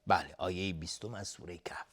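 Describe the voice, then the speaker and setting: A man teaching tajweed, slowly chanting verse phrases and then briefly explaining the pronunciation rules, sometimes trailing off into a whisper. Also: low-pitched, fairly bright tone. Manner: drawn-out chanted recitation alternating with quick explanation. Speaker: Quran recitation teacher. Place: television studio.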